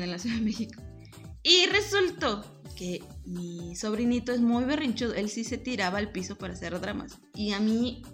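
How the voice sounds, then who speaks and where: Lively Mexican woman telling stories. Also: a little high. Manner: lively storyteller, laughs often, acts out voices. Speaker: podcast host. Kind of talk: casual chat.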